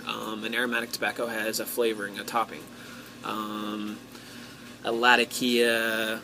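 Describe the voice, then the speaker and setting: An American man talking casually to his viewers as a hobby vlogger, in a halting way, thinking aloud with drawn-out pauses. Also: mid-range voice, background noise. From United States. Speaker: pipe-hobby vlogger and host. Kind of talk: casual solo talk to viewers.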